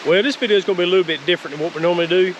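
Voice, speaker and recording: Very fast and high-voiced, a Southern man in his forties rambles through a casual, folksy product review as a homestead vlogger. The highs are cut off, and a clear, steady outdoor hiss runs under his talk by a wooded creek and later on a cabin deck.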